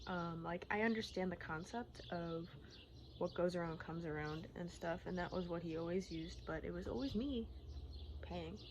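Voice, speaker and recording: A woman talking candidly in a personal vlog, in a rambling, halting, casual way, often repeating herself. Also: fairly low pitch. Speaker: personal vlogger. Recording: clearly noisy outdoor-like ambience, birdsong. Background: birdsong and environmental noise.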